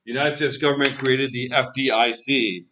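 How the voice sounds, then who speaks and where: A man's voice: mid-range voice, moderate pace, a little hiss or hum. A male economics lecturer teaching a class, acting out little scenes and putting questions to his students. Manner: lively storytelling, acts out scenes, asks students questions. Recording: echoey classroom, voice from far off.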